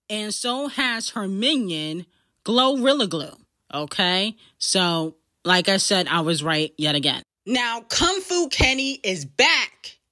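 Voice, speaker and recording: A woman's voice: medium pitch, bright, forceful tone. A woman commenting on celebrity gossip, reading out lyric lines and adding sassy, emphatic remarks, often tagging them with "okay?".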